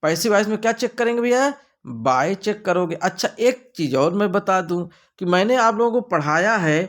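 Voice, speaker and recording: High-voiced playful Hindi-accented teacher. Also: male voice, animated, normal speed. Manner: playful, theatrical asides. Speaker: English grammar teacher. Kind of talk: online grammar lesson.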